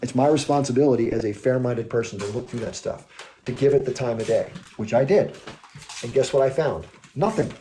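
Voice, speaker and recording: A man's voice: medium pitch, a little fast, warm tone, a little hiss or hum. Emphatic man hosting a livestream. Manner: emphatic, rhetorical questions. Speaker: livestream host. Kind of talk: heated political monologue.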